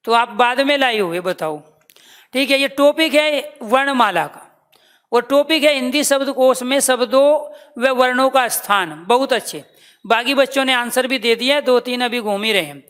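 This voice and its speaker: Brief: high-pitched woman, language teacher running a live online class, quizzing and repeating terms, addresses students as dear children. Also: fairly bright tone. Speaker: Hindi teacher.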